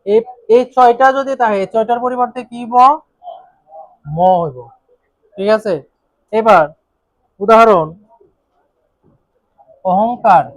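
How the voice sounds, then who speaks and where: A man's voice: very high voice, normal speed, pauses often, no room sound. A man, teaching a grammar class, repeatedly asking students questions and coaxing answers. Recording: dull dry classroom recording.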